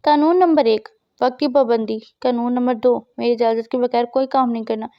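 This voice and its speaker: A woman's voice: fairly high pitch, fairly even intonation, clear, resonant tone, dry recording, dull audio, natural voice. A woman reading the part of a stern, cold male boss who speaks in curt commands.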